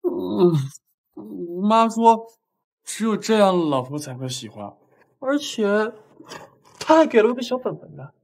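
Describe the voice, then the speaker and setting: An actor playing a clingy young husband who acts simple-minded, with a childish, pleading manner. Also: male voice, high voice, lively intonation, unhurried, gravelly, pauses often, a little mellow, exaggerated voice. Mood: eager, childish. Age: young adult. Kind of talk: short romantic drama acting.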